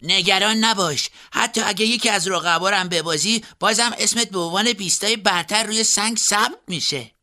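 A man voicing an eager young male student in an audiobook, exclaiming excitedly. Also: high-pitched, few pauses, pitched above the performer's own voice. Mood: sympathetic. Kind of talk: audiobook character voice.

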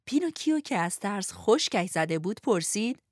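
Woman gently reading a storybook aloud. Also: mid-range voice, no room sound, studio quality. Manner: gentle, expressive, speaks to young listeners. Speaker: narrator.

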